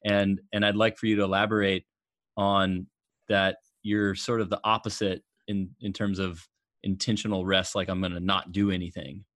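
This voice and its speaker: A man hosting a casual interview, reflective and measured as he draws out his questions. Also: fairly low pitch, flat delivery, fairly bright tone, no echo, clean studio sound. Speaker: podcast host.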